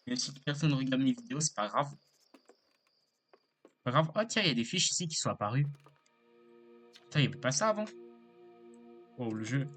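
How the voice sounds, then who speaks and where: Man, casual gameplay commentary, hesitant, filler-heavy, mid-pitched voice, soft game music behind. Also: animated, a little fast, long pauses. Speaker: gaming YouTuber. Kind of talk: casual let's play commentary.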